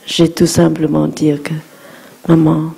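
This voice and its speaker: A woman interpreting a dharma talk for children in a gentle manner, guiding them through breathing exercises. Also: deep voice, completely flat delivery, takes it slowly, vocal fry, breathy edge.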